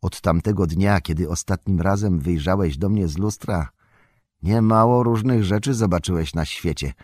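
A man reading an audiobook, voicing a gentle, thoughtful young male hobbit who speaks calmly. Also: deep voice, moderate pace, no room sound, studio quality. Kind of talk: audiobook character voice.

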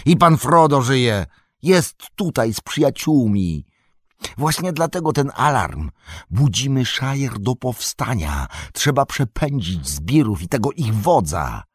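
A man's voice: medium pitch, sing-song, slow, hardly any pauses, slightly rough, no echo, clean studio sound, pitched above the performer's own voice, heavily acted. A man doing an eager young hobbit servant. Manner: loud, urgent calls.

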